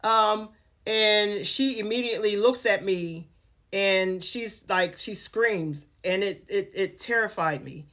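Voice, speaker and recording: Woman doing a storytime, mid pitch, chatty and candid, lots of ums and restarts. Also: slow, a bit bright. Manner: candid, conversational, with many fillers and restarts. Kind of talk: personal storytime.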